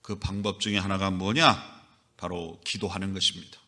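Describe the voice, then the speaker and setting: A man's voice: deep voice, level tone, moderate pace, vocal fry, pushed and bright. A middle-aged man preaching a Sunday sermon as pastor, with emphatic rises and acted scolding.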